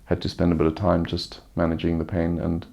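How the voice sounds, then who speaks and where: A man gives an unscripted vlog-style update while weary from surgery. His voice is deep and very creaky, with an almost completely flat melody. He talks in a subdued, halting way, nursing a sore throat. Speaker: vlogger giving a recovery update. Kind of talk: casual personal update, unscripted.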